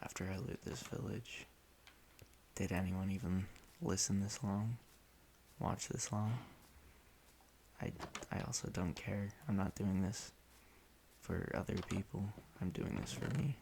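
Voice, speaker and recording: A man casually rambling in an offhand, deadpan way while he plays a video game, often restarting his sentences. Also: deep voice, measured pace, creaky, slight background noise. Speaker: solo podcaster playing a video game.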